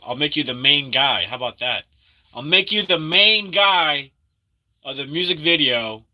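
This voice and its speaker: A man's voice: medium pitch, pushed and bright, rough recording. An American man hosting a casual livestream, rambling in upbeat slang and repeating short phrases over and over. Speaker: livestream host.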